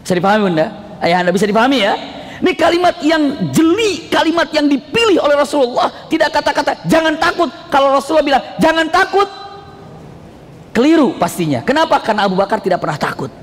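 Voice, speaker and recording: A male preacher, giving a lively sermon that keeps asking the audience questions. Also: very high voice, fast talker. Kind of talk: Islamic sermon. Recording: long hall reverb.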